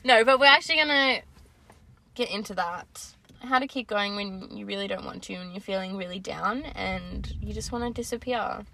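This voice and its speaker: Bright-voiced woman chatting casually. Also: mid-range voice, normal speed, vocal fry. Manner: informal, sweary, slangy. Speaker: podcast co-host. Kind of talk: casual advice chat.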